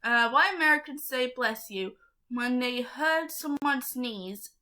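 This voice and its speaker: A woman's voice: sits high, unhurried, bright, forceful tone. A woman hosting her own channel, reading aloud to viewers in a casual, chatty way, giggling often and getting easily sidetracked. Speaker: channel host.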